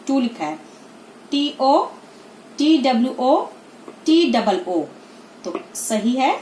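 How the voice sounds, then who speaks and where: Woman teacher, unhurried letter-by-letter phonics delivery, fairly high voice, echoey room. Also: a little mellow. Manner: spells out letters slowly, then gives Hindi meanings. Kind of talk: phonics lesson for young children. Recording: echoey room with faint noise.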